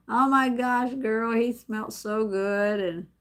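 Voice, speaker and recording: A middle-aged woman telling a story on her own live stream at home, rambling and chatty, laughing often and restarting her sentences. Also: fairly high pitch. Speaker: vlogger hosting a live stream. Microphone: camera set up in front of her.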